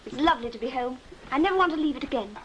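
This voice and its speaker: A woman's voice: high-pitched, animated, racing, fairly bright tone, dull audio. A young woman playing a sweet, innocent Victorian daughter with a British accent, in 1940s film style. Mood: delighted. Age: young adult. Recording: noisy old 1940s film soundtrack.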